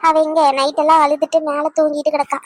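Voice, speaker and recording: A fretful village mother from a cartoon, voiced by a woman in a very high, dry studio voice. She frets, laments and scolds her daughter, and her talk is full of emotion. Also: completely flat delivery, fast talker, no room sound, close to an everyday voice. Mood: anxious. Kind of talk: Tamil cartoon voice acting.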